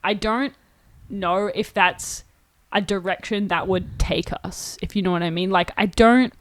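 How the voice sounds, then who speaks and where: A woman's voice: medium pitch, steady tone, a little slow, dry recording. Young woman, casual band interview, rambling delivery, dry recording. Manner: rambling, laughs often, many fillers. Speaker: band member. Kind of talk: casual chat.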